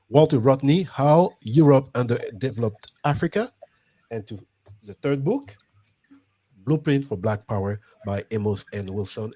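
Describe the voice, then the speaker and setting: A man from Guadeloupe hosts a live online show, his medium-pitched voice dark-toned and slightly rough. He chats casually and eagerly with viewers, often repeating himself as he urges them on.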